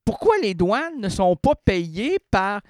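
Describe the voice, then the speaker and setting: A man's voice: sits high, very animated, slow pace, no echo, clean studio sound. A man with a Quebec French accent, delivering an indignant, exasperated monologue as a vlogger. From Canada. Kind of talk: ranting monologue to camera.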